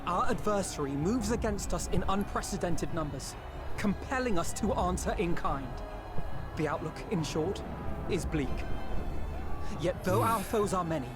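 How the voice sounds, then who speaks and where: An actor playing an earnest young nobleman in a video game, formal, eloquent and measured. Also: high voice, lively intonation. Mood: grave resolve. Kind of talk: video game cutscene acting. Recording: music over the voice.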